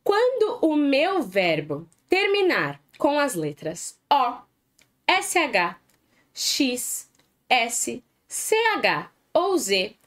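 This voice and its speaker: A Brazilian woman teaching an English video lesson in a high voice that leaps all over. She is upbeat and chatty, checks in with the class often, and reads her examples slowly for her students to repeat. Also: huge pitch swings, a bit bright. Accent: Brazilian Portuguese. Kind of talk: video lesson for exam prep.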